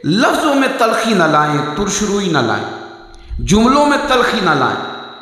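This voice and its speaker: A man's voice: sits high, big pitch swings. Man preaching in an echoing hall. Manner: storytelling with acted quotes, swinging from loud to soft. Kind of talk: mosque sermon. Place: mosque. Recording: echoey hall reverb.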